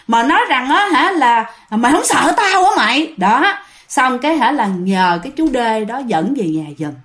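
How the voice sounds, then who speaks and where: A woman with a Southern Vietnamese accent telling a ghost story in a chatty, casual way, speaking straight to her listeners and correcting herself as she goes. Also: on the high side. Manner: chatty, addresses listeners directly, self-correcting.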